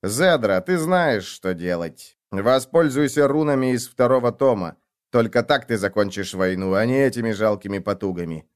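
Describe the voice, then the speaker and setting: A man voicing a cold, disappointed older father who speaks calmly and cruelly. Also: mid-range voice, clear, resonant tone, close to an everyday voice. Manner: calm, cold, measured.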